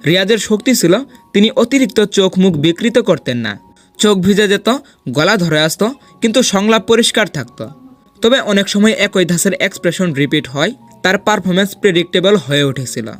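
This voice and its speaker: A man's voice: sits high, fast talker, faint music behind. A man hosting a film ranking video, reading a scripted voice-over in a dramatic, persuasive countdown style.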